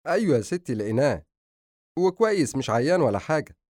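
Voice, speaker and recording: A man voicing a playful, joking young man with an Egyptian accent who speaks in a lively way. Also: mid-range voice, fast talker, dry recording, clean studio sound, voice pushed up, close to an everyday voice.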